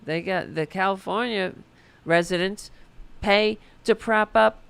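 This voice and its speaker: On her political commentary show, a woman with a raspy, medium-pitched voice reads out an article at a slightly slow pace, then fires back with sarcastic, foul-mouthed outrage. The recording has no echo.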